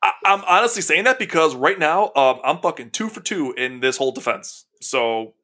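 A young man talks loosely on a podcast, his voice a little high. He swears often, laughs through his stories and slips into quoted lines to make his point. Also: lively intonation, normal speed, pushed and bright. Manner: swearing, laughing, acts out a dog's thoughts in quotes. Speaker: podcast co-host. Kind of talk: casual podcast chat.

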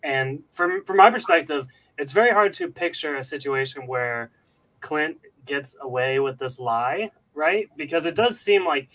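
A man's voice: on the high side, lively intonation, measured pace, fairly bright tone, poor audio. A man hosting a podcast, chatting casually about a TV series with plenty of fillers and restarts.

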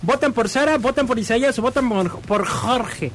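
A man's voice: extremely high pitch, expressive, normal speed, slight background noise. A man hosting a morning radio show, jokey and laughing often. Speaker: radio host.

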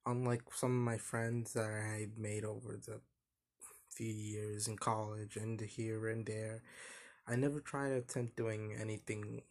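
A young man hosting a casual solo podcast, talking in a flat, monotone voice that rambles and hesitates with lots of fillers. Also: lowish voice. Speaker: podcast host.

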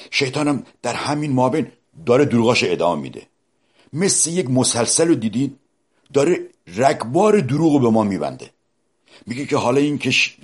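Male preacher, husky low voice, lively delivery that jumps from loud to hushed, questions the listeners directly. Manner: dramatic swings between loud exclamations and hushed low asides. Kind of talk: sermon.

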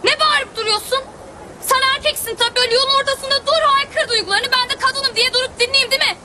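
Feisty shouting Leyla. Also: female voice, very high voice, lively intonation, fast talker, a crowd in the background. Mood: shouting back. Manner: sharp, then shouting back. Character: feisty young woman Leyla.

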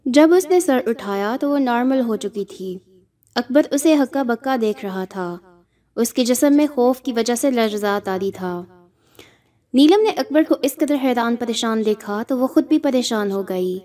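Mellow woman narrating a horror story. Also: fairly high pitch. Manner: steady, measured reading.

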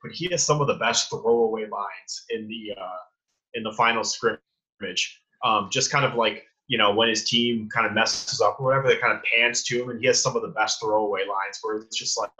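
A man's voice: on the low side, fairly even intonation, moderate pace, bright, forceful tone, rough recording. A young man co-hosting a podcast, rambling loosely as he explains favorite lines from a movie. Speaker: podcast co-host. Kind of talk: casual movie discussion.

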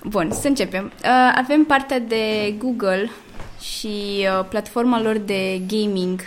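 A woman's voice: mid-range voice, a little hiss or hum. A young woman co-hosting a podcast in casual chat, hesitant, with many fillers and frequent laughs. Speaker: podcast co-host.

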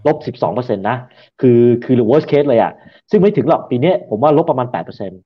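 A man speaks as a securities analyst in an interview, his answers confident and emphatic, English finance terms dropped into his speech. His voice sits at a middle pitch. The recording is a little dull and lo-fi. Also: sing-song, fast talker, breathy edge. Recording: slightly dull lo-fi sound.

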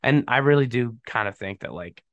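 Here a young podcast host with a head cold chats on his own, loose and slangy, breaking into frequent laughter. He speaks briskly at a medium pitch with lively intonation and a slightly bright tone, though the audio is dull and carries no room sound.

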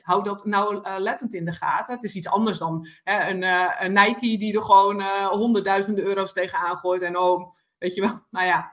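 A woman guest on a podcast, telling her own story in a reflective way with many hesitations and fillers. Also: mid-range voice. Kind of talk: personal storytelling in conversation.

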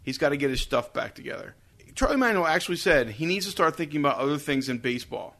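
A man's voice: on the high side, animated, fast talker, a bit bright. A man hosting casual sports banter in a home basement, needling his co-hosts with joking questions. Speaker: sports talk host.

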